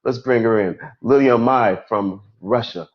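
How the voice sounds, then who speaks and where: A man's voice: medium pitch, measured pace. Effusive male stream host, lo-fi sound. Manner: enthusiastic, effusive. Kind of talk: live stream interview hosting.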